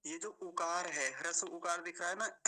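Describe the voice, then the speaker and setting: A man teaching the pronunciation of a chant. He slows down to spell out each syllable, repeats words to correct them, and coughs now and then. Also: high voice, bright, forceful tone, rough recording. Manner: slow, drawn-out syllable-by-syllable demonstration of words. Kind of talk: explanatory lesson.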